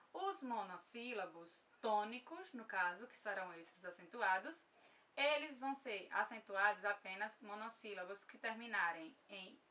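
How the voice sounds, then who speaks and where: A woman's voice: medium pitch, sharp tone, distant mic. A woman with a Brazilian Portuguese accent teaching an online grammar lesson, patient, often checking in with her students.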